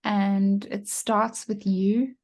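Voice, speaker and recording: A woman hosting a podcast, speaking slowly and deliberately as she leads an interview and reads a sponsor message. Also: mid-range voice, flat delivery, darkish tone. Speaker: podcast host.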